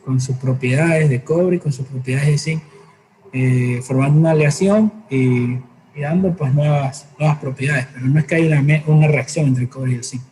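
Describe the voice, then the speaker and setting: A man teaching a science class, explaining patiently with everyday examples, often pausing to hesitate and correct himself. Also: a little high, mellow, a little hiss or hum, rough recording. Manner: frequent hesitations and self-corrections. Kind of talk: classroom lecture.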